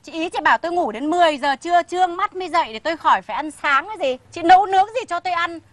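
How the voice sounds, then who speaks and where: Brief: older sharp-tongued Northern Vietnamese mother-in-law, fairly high voice, nagging and sarcastic, sitcom. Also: lively intonation, very fast, dry recording. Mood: indignant. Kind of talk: sitcom acting.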